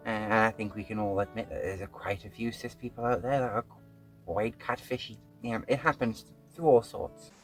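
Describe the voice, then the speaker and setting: A woman's voice: rumbling low, fairly even intonation, a little fast, soft background music. Chatty woman hosting a reaction video. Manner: frank, chatty, with filler words and restarts. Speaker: host. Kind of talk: casual reaction commentary.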